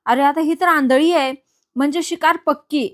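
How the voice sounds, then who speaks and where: A woman's voice: high-pitched, moderate pace, close to an everyday voice. A woman voicing a scheming young man in a retold serial, pushy and insistent. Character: scheming young man, a factory owner's brother.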